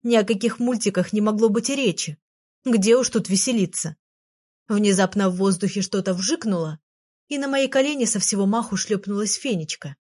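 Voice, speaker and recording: A woman narrating a children's story in the first person, with expressive reading. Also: medium pitch, moderate pace, breathy edge. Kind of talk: audiobook narration.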